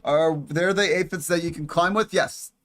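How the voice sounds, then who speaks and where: A young man giving casual, excitable commentary over a strategy game, swearing and chatting with viewers. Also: on the high side, moderate pace. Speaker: gaming YouTuber.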